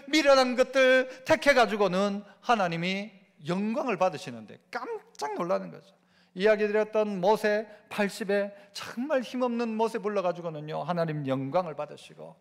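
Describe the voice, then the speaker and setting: A man's voice: high-pitched, gravelly, in a large hall. A male pastor delivering a Sunday sermon, asking the congregation rhetorical questions over a microphone in a church sanctuary.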